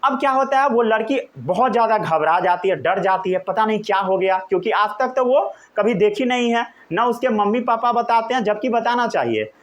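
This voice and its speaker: A young male teacher giving a classroom lecture, checking often that students have understood. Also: high-pitched. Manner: animated, keeps asking "samajh gaye?".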